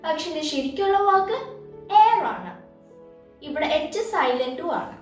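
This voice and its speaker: High-voiced woman in an echoey room. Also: expressive, measured pace. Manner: quizzes viewers, then gives the answer. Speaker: channel host. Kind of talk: bilingual pronunciation tutorial. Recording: very echoey room, far from mic, faint music.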